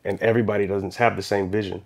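A man in his thirties, a barbershop owner and guest, telling his story in a relaxed, rambling way with restarts, livelier when he retells scenes, seated in a small podcast studio. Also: fairly low pitch, quick pace, creaky. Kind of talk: casual interview storytelling.

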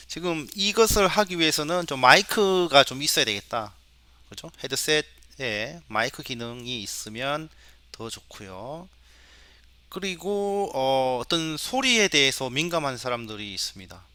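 A man's voice: fairly high pitch, lively intonation, moderate pace, bright, forceful tone, dry recording. A middle-aged male professor giving a recorded lecture demo, coaxing his students along with questions. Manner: imitates animal sounds for the mic.

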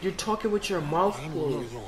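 A man's voice: high-pitched, moderate pace, background noise. A young man giving casual, exasperated commentary while playing a horror game. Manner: animated, exasperated, yelling at the game. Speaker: gaming streamer.

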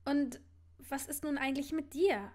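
A woman's voice: high voice, fairly even intonation, moderate pace, darkish tone, natural voice. A woman voicing an eager, gossipy young woman friend in a fan fiction reading.

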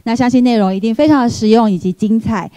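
Mellow Taiwanese woman hosting an event. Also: a little high, fast talker, no echo. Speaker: event host. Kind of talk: formal event announcing. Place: indoor seminar hall.

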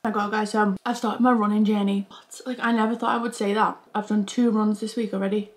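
A woman's voice: medium pitch, level tone, quick pace. A woman, chatting casually in a mukbang vlog and chewing between sentences. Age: 20s. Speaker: YouTuber.

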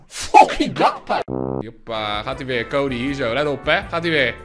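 A young man commentating his own football video game as he plays, excitable, swearing constantly and shouting when goals fall. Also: medium pitch, brisk, loud music behind the voice. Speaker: gaming YouTuber. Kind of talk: live FIFA gameplay commentary.

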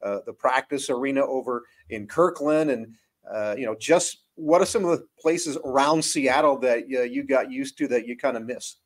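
A man hosting a sports interview, asking questions in a friendly, chatty way. He adds light asides between his questions. His voice sits at a typical middle pitch for a man. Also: normal speed. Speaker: interview host.

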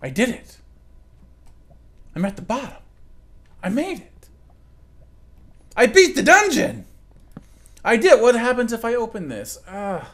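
A man's voice: very high-pitched, very animated, normal speed, long pauses. A young man doing sarcastic let's play commentary, joking with the creatures in the game. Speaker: gaming commentator.

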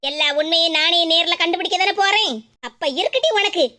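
In a cartoon comedy dub, a woman with a Kanyakumari Tamil accent voices a suspicious mother who scolds and nags. Her voice is very high, bright, and forceful, and she speaks fairly quickly.

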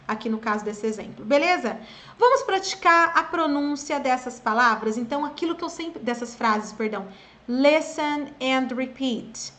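High-voiced chatty Brazilian woman teaching English. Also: pushed and bright. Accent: Brazilian Portuguese. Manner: chatty, explains patiently, drills pronunciation. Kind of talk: casual online English lesson.

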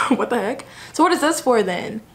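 A woman's voice: a little high, animated, normal speed, a bit bright. A young woman from Alabama, chatting casually to camera in a college common room, self-deprecating and full of fillers. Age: young adult. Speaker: student vlogger. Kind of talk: casual vlog chat.

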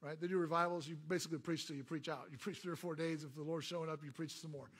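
Husky, high-voiced preacher telling a story. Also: male voice, fast. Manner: animated storytelling, asks the congregation for responses. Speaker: pastor. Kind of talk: sermon.

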